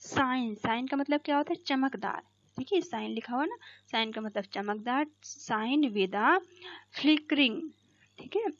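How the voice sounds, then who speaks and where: A woman teacher explaining an English poem line by line in Hindi, checking each point with "theek hai" and reading the English lines slowly. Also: high voice, animated, no echo. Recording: dull, dry lo-fi recording.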